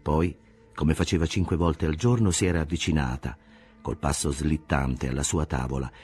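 Deep-voiced man reading a novel aloud. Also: fairly even intonation, moderate pace, darkish tone, husky. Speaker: audiobook reader. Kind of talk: scripted literary narration.

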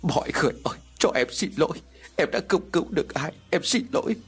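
A guilt-ridden young man of nineteen apologizes through his tears in a spoken ghost story, voiced by a male narrator. His speech is soft and tearful, with a husky edge. His pitch rises and falls widely. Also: expressive, fast talker, faint music behind, heavily acted. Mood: sobbing.

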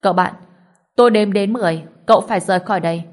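A woman's voice: mid-range voice, fast, natural voice. A woman voicing a stern middle-aged male martial master who speaks coldly and threatens. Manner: cold, threatening.

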